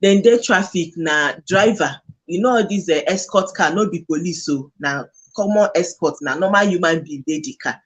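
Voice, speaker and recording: Nigerian male, husky, on the higher side, casual Pidgin discussion, animated storyteller delivery. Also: normal speed, hardly any pauses.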